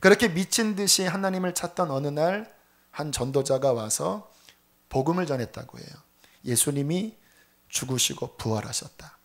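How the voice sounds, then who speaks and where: A male pastor preaching a Sunday sermon, telling a story vividly with dramatic swings in loudness. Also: a little high, moderate pace. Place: church sanctuary.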